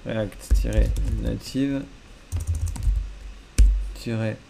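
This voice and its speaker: A man's voice: on the low side, fairly even intonation, extremely slow, vocal fry, music in the background. A man live coding and thinking aloud, muttering to himself in a casual, self-deprecating way. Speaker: coding streamer. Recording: faint keyboard typing behind.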